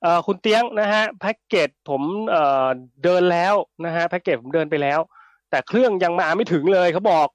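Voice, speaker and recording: A man's voice: high-pitched, expressive, fairly quick, dry recording, muffled recording. A man hosting a casual tech show, reading viewer questions in a chatty, polite manner.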